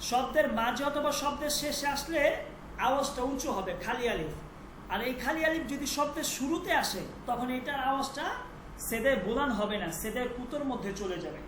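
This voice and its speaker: A woman's voice: high voice, lively intonation, fairly quick, reverberant, noisy background. A woman teaching Persian pronunciation in an online class, patiently repeating sounds and checking that students follow.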